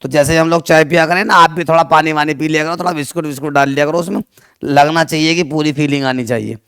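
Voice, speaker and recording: A man teaching a chemistry class online, mixing two languages, speaking loudly and affectionately to his students while asking them questions and answering them himself. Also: on the high side, steady tone, fast talker, clear, resonant tone, dry recording, clean studio sound. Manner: affectionate, calls students "dear children".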